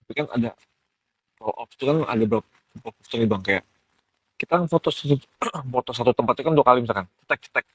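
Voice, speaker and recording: A young male vlog host with a Jakarta accent speaks at a middle pitch. He chats informally and inquisitively, putting questions in everyday language. The recording is dry, without echo. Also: quick pace, pauses often, fairly bright tone, breathy edge. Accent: Jakarta Indonesian. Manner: informal, inquisitive, brief interjections. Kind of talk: casual chat.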